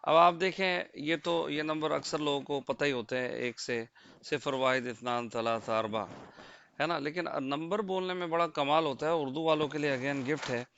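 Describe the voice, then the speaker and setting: A man's voice: on the high side, a bit bright, a little hiss or hum. A man with a Pakistani Urdu accent teaching a slide-based language lesson, counting through lists patiently and often asking listeners to confirm they follow. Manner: patient, repetitive counting with rhetorical checks. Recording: dull, lo-fi dry close mic.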